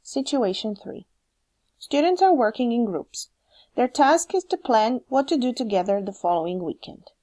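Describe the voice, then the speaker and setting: A woman with a Croatian accent, a teacher trainer giving measured, scripted narration that explains how to correct students. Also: on the high side, lively intonation, dark tone. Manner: measured, explanatory, reads examples aloud.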